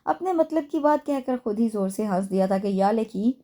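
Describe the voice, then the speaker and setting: A woman narrating a novel aloud at a steady storytelling pace, with small stumbles. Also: fairly high pitch, moderate pace. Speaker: audiobook narrator.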